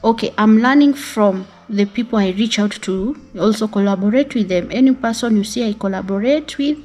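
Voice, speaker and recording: A woman with an East African accent talking casually to the camera as a vlogger, hesitant, with frequent pauses and "you know" dropped in. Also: mid-range voice, darkish tone. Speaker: YouTube vlogger.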